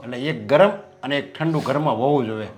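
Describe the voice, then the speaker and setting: A man's voice: medium pitch, fairly quick, a little mellow, faint music behind, natural voice. An actor playing a stubborn, traditional middle-aged father who lectures his son firmly about marriage and family. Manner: firm, lecturing, proverb-like reasoning.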